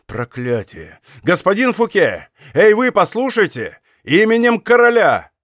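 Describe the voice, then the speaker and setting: A man voicing a furious, desperate musketeer captain who shouts commands and oaths in an audiobook. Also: high-pitched, takes it slowly, no room sound, clean studio sound. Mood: shouting. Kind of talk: audiobook character acting.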